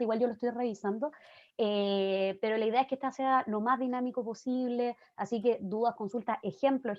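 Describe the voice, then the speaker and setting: Mujer en una clase por videollamada. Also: female voice, on the high side, darkish tone, no room sound. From Chile. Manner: friendly, informal, many fillers. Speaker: guest lecturer. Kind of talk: online class talk. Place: home, video call. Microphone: computer mic on video call. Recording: dull, dry video-call audio.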